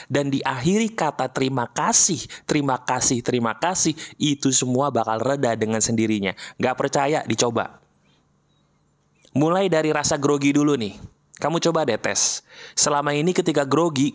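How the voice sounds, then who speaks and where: A man speaking as a motivational coach over an animated video. He talks directly and casually to the listener, slowing down to repeat the key phrases. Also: a little high. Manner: repeats phrases slowly for emphasis. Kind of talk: motivational talk to viewers.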